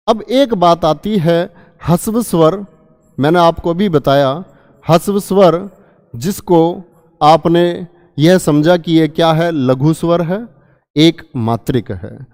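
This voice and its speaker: A man's voice: high-pitched, darkish tone, long reverb tail. A man teaching a Hindi grammar lesson, quizzing his students with repeated questions and stretching out sounds to demonstrate them. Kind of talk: online exam-prep lesson.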